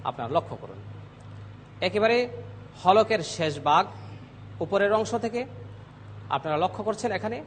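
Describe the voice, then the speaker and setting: A man teaching Arabic letter pronunciation on a TV lesson, speaking slowly and repeating each sound loudly for students. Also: high voice, big pitch swings, in a large hall, a little hiss or hum. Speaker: Quran recitation teacher. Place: TV studio.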